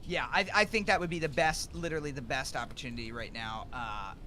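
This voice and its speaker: A man hosting a casual livestream, speaking in a halting way and often repeating his words. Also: mid-range voice, fairly even intonation, sharp tone, slight background noise. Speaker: livestream host.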